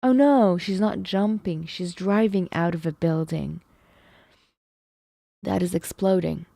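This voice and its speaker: Speaking slowly in a lowish, creaky, warm voice with no echo, a woman streams live while working math problems. She talks to her chat, muses, questions her own answers, and feels her voice starting to go.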